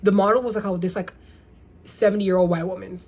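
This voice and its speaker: A young woman talking casually to her viewers in a rambling, animated vlog, firing off rhetorical questions. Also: medium pitch, brisk. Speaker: vlogger. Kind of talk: casual get-ready-with-me vlog.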